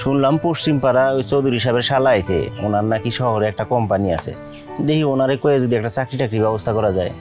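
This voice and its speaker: A man's voice: mid-range voice, very fast, natural voice. A young man, playing an earnest, pleading elder son in a TV drama, with music underneath. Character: dutiful elder son, jobless and worried. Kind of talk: TV drama acting.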